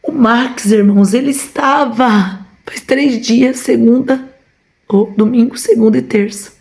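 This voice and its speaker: A woman's voice: a little high, measured pace, a little mellow. A woman with a Brazilian Portuguese accent giving a fervent testimony from home, repeatedly calling her listeners brothers. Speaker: preacher. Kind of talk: emotional testimony to a congregation.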